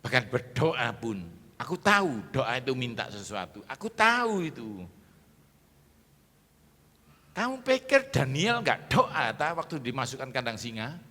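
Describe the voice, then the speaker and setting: Middle-aged preacher guy, emphatic, bright voice, long echo from a big church hall. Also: mid-range voice, very animated, measured pace, pauses often. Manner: emphatic, rousing, calls for amens and applause. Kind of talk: sermon.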